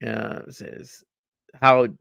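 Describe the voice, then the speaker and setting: A man's voice: medium pitch, little pitch movement, slow, vocal fry, a bit bright, clean tone, no room sound, muffled recording. A young man hosting a podcast, reading news aloud and ranting about it, stumbling over words, repeating himself and swearing as he gets heated. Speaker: podcast host.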